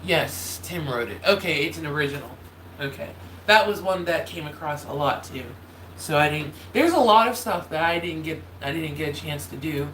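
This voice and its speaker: Expressive and a bit bright, this mid-range, nasal voice cracks slightly as a YouTuber chats with viewers at normal speed during a holiday livestream. The talk rambles, with frequent apologies and restarts after losing track. A loud space heater in the home room adds a faint hum to the echoey audio.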